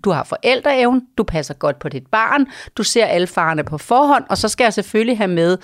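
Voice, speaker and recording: A woman's voice: mid-range voice, animated, no echo, studio quality. A woman giving parenting advice on a call-in show, talking in long reassuring run-ons that keep checking in with the listener. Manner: rambling, reassuring, frequent tag questions. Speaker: parenting advisor.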